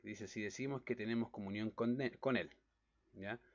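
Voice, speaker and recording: A man's voice: fairly low pitch, moderate pace. A man teaching a recorded lesson on diagramming Bible verses, explaining step by step and checking in with his listeners often. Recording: dull lo-fi recording.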